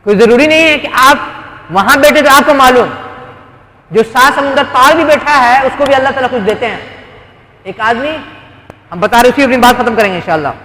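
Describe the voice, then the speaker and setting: High-voiced preacher man in echoing hall. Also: fairly quick, long pauses, pushed and bright. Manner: storytelling with rhetorical questions and quoted dialogue. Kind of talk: sermon. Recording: roomy hall with long echo.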